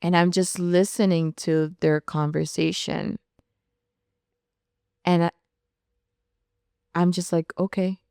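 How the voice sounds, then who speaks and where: A woman's voice: lowish voice, flat delivery, takes it slowly, gravelly, long pauses, darkish tone, clean tone, no echo, studio quality. A woman telling her personal faith testimony in an earnest, storytelling way, often saying "like". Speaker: podcast guest sharing testimony.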